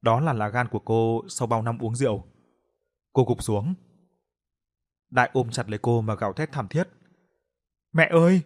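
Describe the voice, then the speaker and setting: A man's voice: medium pitch, moderate pace, pauses often. Man narrating a mournful story. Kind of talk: scripted ghost story narration.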